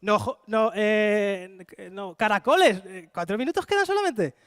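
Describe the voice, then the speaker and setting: A man's voice: high voice, lively intonation, unhurried, a bit bright, clear, resonant tone, no room sound. A man with a Spanish accent performing a live card-magic show, playfully coaxing volunteers from the audience. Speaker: stage magician. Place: conference hall with live audience.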